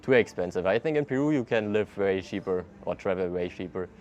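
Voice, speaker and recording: A deep-voiced young traveler speaks fairly quickly over slight background noise, outdoors in a city. He answers casual street interview questions in English with a German accent. Relaxed and prone to frequent laughter, he uses loose non-native phrasing.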